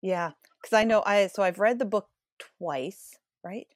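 A woman co-hosting a casual book discussion, thinking out loud in a rambling, reflective and emotional way. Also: medium pitch, a little slow, no room sound, studio quality. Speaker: book club co-host.

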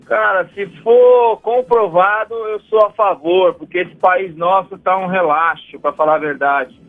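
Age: adult. Sex: man. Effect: phone line. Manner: blunt. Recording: tinny phone line, high voice. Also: unhurried, faint music behind. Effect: heard over a phone line. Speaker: radio listener calling in. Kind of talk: casual call-in chat. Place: in a car in traffic.

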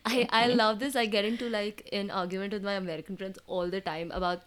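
A woman's voice: medium pitch, fairly even intonation, fast, a bit bright. A woman from South India with a South Indian accent, chatting casually in an explanatory way and agreeing emphatically. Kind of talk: casual conversational discussion.

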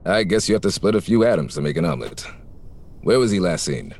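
An actor playing a wisecracking, world-weary private detective, deadpan, in a parody noir audio drama. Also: male voice, low-pitched, quick pace, vocal fry, full character voice. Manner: deadpan, hard-boiled wisecracking. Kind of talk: parody noir narration and radio drama acting.

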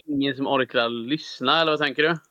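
A man's voice: mid-range voice, steady tone, pushed and bright, no echo, lo-fi sound. A man co-hosting a podcast in casual chat, teasing and joking with his friend. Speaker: podcast co-host.

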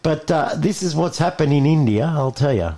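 Higher-voiced man hosting radio. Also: animated, warm tone. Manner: halting, conversational, repeats himself. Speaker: radio show host. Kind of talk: casual radio chat.

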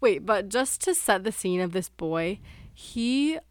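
A woman's voice: medium pitch, animated, slow, no echo. Chatty young American woman, dry close mic. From United States. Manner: chatty storytelling full of "like" and "um". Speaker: podcast co-host. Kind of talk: casual chat.

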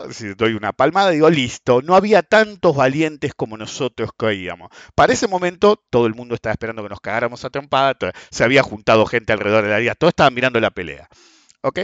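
A man's voice: mid-range voice, quick pace, no room sound, lo-fi sound. A man in his forties with an Argentine accent, casually telling a personal anecdote, acting out the dialogue and swearing freely. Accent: Rioplatense Argentine Spanish. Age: 40s. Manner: animated, acts out quoted dialogue, swears freely. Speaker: storyteller.

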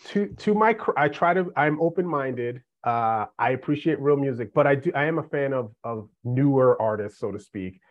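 A man in his forties talks as a podcast guest in a relaxed, joking way, often poking fun at himself. His voice sounds a little muffled and lo-fi, and the room is dry, with no echo. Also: mid-range voice, normal speed, hardly any pauses. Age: 40s. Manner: laid-back, joking, self-mocking. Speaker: podcast guest, management professor. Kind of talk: casual chat.

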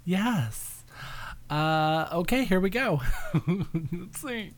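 A man's voice: sits high, animated, drawn-out words. A man hosting a show in a campy, theatrical drag queen manner, chatting casually. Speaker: show host.

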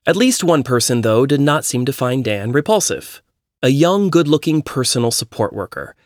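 A man narrating a personal essay in a measured, reflective reading voice. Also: medium pitch, big pitch swings, no room sound, clean studio sound.

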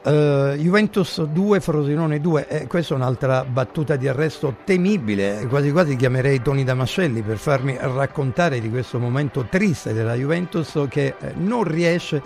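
A man's voice: medium pitch, normal speed, vocal fry, few pauses, darkish tone, faint music behind. A man hosting live radio with casual, rambling chat, often repeating his words and phrases. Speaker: radio host. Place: radio studio.

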